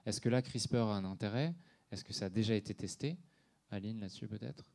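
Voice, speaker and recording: A man's voice: lowish voice, a little fast, vocal fry, warm tone. A man moderating a public science panel, asking questions and making teasing asides.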